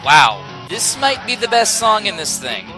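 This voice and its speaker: A man's voice: sits high, very animated, measured pace, over music. A man narrating a scripted comedic video game review in a sarcastic, exasperated way.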